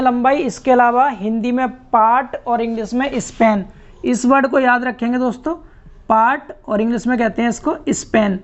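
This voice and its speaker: A man teaching an online lecture, explaining step by step and repeating key terms. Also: extremely high pitch. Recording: muffled lo-fi recording.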